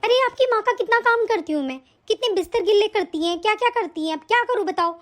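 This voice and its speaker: A harsh, nagging daughter-in-law, as a woman plays her in an animated story. She scolds in a sharp, complaining tone. The voice is very high. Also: fast. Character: cruel, scolding young daughter-in-law, mother.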